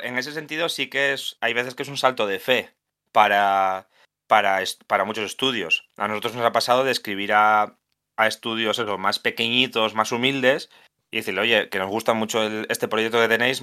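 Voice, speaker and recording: In a lowish, fairly even voice with a sharp edge, the podcast guest, a game translator from Asturias in Spain, talks at normal speed. He muses out loud, frequently backing up to restart or fix what he said.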